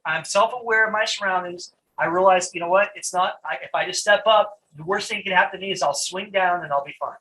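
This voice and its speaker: A middle-aged man giving a live online training talk, conversational and animated, often laughing and restarting his sentences. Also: high-pitched, fairly quick, few pauses, a little hiss or hum, poor audio.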